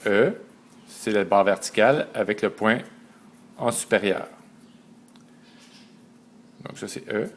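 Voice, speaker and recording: A man, slowly and methodically teaching a writing system letter by letter. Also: fairly low pitch. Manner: slow and methodical, spelling out letters one by one. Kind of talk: step-by-step lesson.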